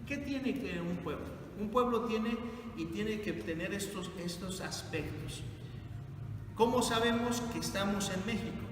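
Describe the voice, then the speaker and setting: A man's voice: high-pitched, measured pace. A man teaching a Bible class, asking his group questions and repeating their answers. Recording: echoey hall from far off, noisy.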